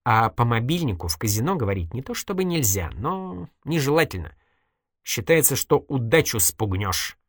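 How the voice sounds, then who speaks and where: A man's voice: mid-range voice, big pitch swings, normal speed, fairly bright tone, no room sound, clean studio sound, voice pushed up. A reader voicing an evasive, wisecracking male journalist in an audiobook, ironic and mock-innocent. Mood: wry. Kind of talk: audiobook character voice.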